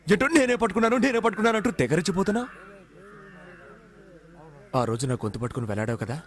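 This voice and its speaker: A man's voice: high voice, sing-song, rapid-fire. An actor playing a wily young man jailed as a fraud in a comic film scene, cheeky and mocking. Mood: menacing.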